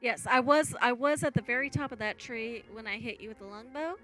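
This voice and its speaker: A woman's voice: fairly high pitch, brisk, a bit bright, faint music behind, poor audio. A woman chatting casually as a player in a tabletop role-playing game.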